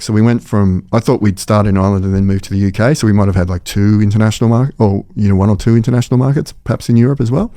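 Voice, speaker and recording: A middle-aged Australian man speaking as a podcast guest, rattling along at a brisk clip in a fairly low, mellow voice. He sounds keen and chatty and circles back over his phrases as he works out his thoughts. The sound is close and dry, with almost no room around him. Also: no room sound. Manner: quick, enthusiastic, repeats phrases while thinking. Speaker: podcast guest, company founder. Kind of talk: casual interview talk.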